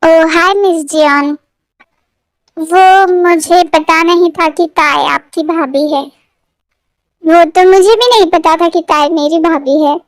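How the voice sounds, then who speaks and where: A woman's voice: very high-pitched, no echo, exaggerated voice. A woman voicing a shy, polite young male employee in a fan fiction story read aloud, speaking timidly.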